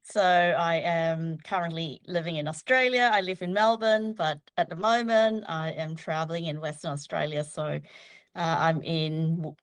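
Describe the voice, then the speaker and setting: A woman's voice: fairly low pitch, no room sound. A woman from Malaysia, a guest on a casual livestream interview, talking chattily and laughing often. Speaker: guest local guide.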